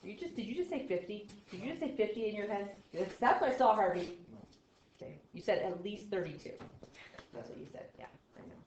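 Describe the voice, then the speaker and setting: A woman in her forties teaching a math lesson to a class, lively and playful, teasing her students. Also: medium pitch, a little fast. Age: 40s. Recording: echoey room, dull lo-fi sound, faint noise.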